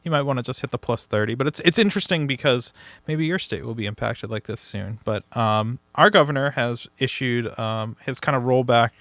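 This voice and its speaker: A man with a bright, forward voice co-hosts a casual beer podcast. He jokes and ribs his partner. The sound is dry and close. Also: medium pitch, a little fast, dry recording. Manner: joking, teasing. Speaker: podcast co-host.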